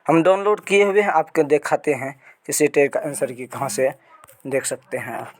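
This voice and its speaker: Man, channel host, fairly high pitch, casual walkthrough, repeats himself. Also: animated, normal speed. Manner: repetitive, restarting phrases. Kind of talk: casual screen-walkthrough update.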